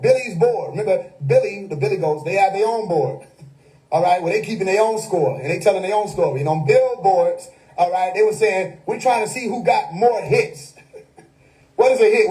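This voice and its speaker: A man's voice: high voice, dark tone, poor audio. A man, hosting a casual livestream monologue that preaches hidden meanings with wordplay and frequent laughter. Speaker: livestream host. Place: home.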